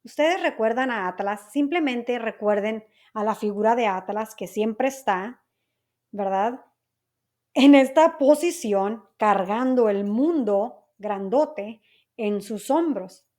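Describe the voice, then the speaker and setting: Slow, patient woman teacher. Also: a little high, a little mellow. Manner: patient, checks understanding with repeated tag questions. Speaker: Spanish teacher. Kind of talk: slow vocabulary explanation for learners.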